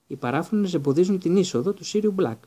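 A man's voice: high-pitched, lively intonation, warm tone, pitched above the performer's own voice. A man voicing a tense, defiant schoolboy in an audiobook, speaking insistently.

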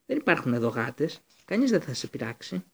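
Male reader voicing a flustered teen schoolboy, voice lifted higher, agitated and fussing, gravelly underneath. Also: very animated, fairly bright tone, slight background noise, heavily acted. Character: flustered teenage schoolboy with pet rat.

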